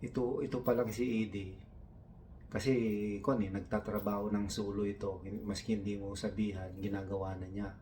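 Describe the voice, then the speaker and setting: A man's voice: fairly low pitch, little pitch movement, moderate pace, darkish tone, distant mic, slight background noise. A man from the Philippines doing stand-up storytelling, taking on his coworkers' broken English in a raised voice. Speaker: comedian.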